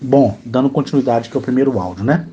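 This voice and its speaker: A man with a Brazilian Portuguese accent telling his experiences in phone voice messages, earnest and emotional, slowing to a solemn pace when he quotes himself. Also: mid-range voice, mellow, highs cut off, slight background noise. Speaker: channel host recounting alien contact experiences. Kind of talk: storytelling in recorded voice messages.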